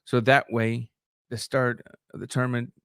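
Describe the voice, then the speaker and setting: A middle-aged man with Spanish as his first language hosts a live boxing stream, reading super chats in relaxed talk peppered with restarts and fillers. His mid-range voice is level and moderately paced, with vocal fry, a slightly bright edge and a clean tone. Studio-quality audio without echo.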